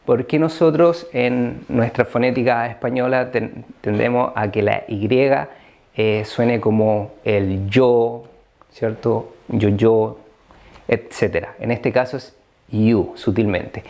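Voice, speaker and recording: A man with a Chilean Spanish accent teaching an English grammar lesson, explaining slowly with frequent fillers. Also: mid-range voice, a little mellow.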